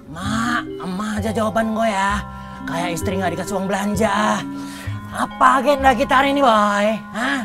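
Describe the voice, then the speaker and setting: A man's voice: high voice, moderate pace, vocal fry, music in the background. A man acting in a comedic skit, bantering in brash slang.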